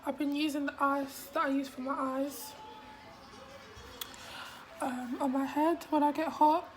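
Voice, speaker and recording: A woman vlogging from a hospital room after surgery, her voice hoarse and weak, often dropping to a whisper. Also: high-pitched, fairly even intonation, a little slow. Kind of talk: casual vlog.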